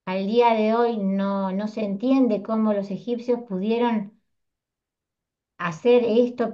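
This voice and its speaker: A woman's voice: medium pitch, a little mellow, highs cut off. A woman giving a history lecture to a class, explaining step by step in a conversational way with frequent tag questions. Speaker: history teacher.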